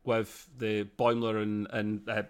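A man's voice: on the low side, little pitch movement, takes it slowly, clean tone. Chatty rambling British man. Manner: rambling, self-interrupting, chatty. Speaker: podcast co-host. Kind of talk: casual review chat.

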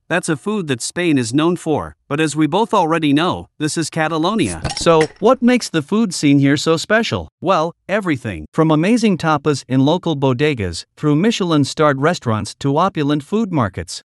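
Male travel podcast host, slightly high voice, reading a guide script in a chatty, listener-directed way.

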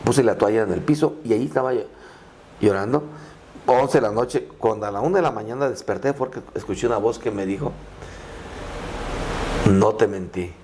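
Middle-aged priest guy, raspy gravelly voice, earnest, stops and restarts a lot, average pitch. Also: brisk, darkish tone, a little hiss or hum. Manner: earnest storytelling with many restarts. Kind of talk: conversational podcast testimony.

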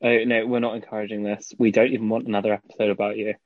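Wry, husky-voiced male co-host. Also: lowish voice, little pitch movement, racing, no room sound. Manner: wry, laughs often. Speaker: podcast co-host. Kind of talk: casual podcast chat. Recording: dull lo-fi dry recording.

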